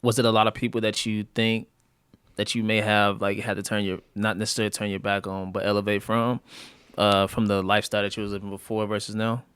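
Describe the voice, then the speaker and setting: A man in his late twenties hosting a podcast, relaxed and easygoing, telling stories and nodding along. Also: fairly low pitch, fast, clean tone, dry recording, clean studio sound. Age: 20s. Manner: relaxed, easygoing, affirming with mm-hmms. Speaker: podcast host. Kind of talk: casual interview chat.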